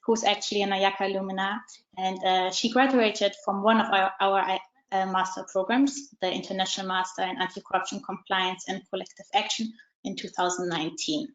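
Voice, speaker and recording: A woman introducing an online panel as moderator, measured with frequent fillers, over a video call. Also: mid-range voice, fairly even intonation, echoey room, muffled recording. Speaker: webinar moderator.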